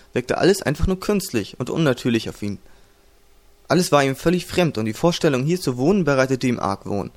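A man narrating a fantasy audiobook in a calm, even reading voice. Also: mid-range voice. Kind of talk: storybook narration.

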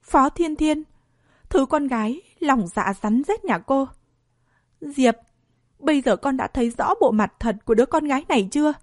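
A woman voicing an angry middle-aged mother who scolds in a shrill, accusing way. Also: animated, moderate pace, darkish tone, dry recording, studio quality. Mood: furious.

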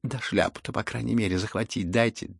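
A man voicing a hot-tempered, imperious older noblewoman in an audiobook, with sharp scolding outbursts and a gravelly, husky voice. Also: lowish voice, fairly even intonation, a little fast, no echo, clean studio sound. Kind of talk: audiobook character reading.

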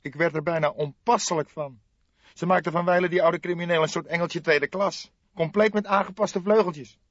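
Narrator voicing a sarcastic young sidekick detective, high and sneering, muffled recording. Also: male voice, fairly even intonation, moderate pace, dry recording, lightly acted.

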